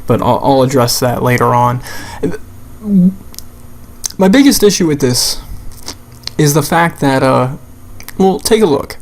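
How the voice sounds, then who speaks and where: A man with a creaky, gravelly voice of middling pitch talks off the cuff over game footage. He is blunt and exasperated, swearing freely as he complains his way through his commentary. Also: animated, a little slow, pauses often. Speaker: gamer making a rant video. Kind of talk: unscripted video game rant commentary.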